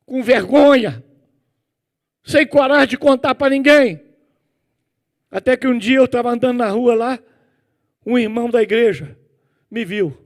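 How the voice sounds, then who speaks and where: A middle-aged Brazilian man preaches in a church, his voice sitting notably high. He tells stories with animated sound effects. He turns often to question the congregation directly. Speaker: pastor. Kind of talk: sermon with personal storytelling.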